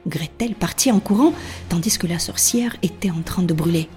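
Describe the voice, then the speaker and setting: A woman reading a fairy tale aloud in a soft, half-whispered narration. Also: fairly low pitch, moderate pace, soft background music. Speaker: storyteller.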